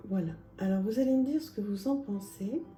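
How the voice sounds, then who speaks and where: A woman presenting oracle card decks in a casual, chatty vlog, with lots of small pauses and fillers. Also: medium pitch, mellow, roomy sound, soft background music. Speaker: tarot and oracle card reviewer.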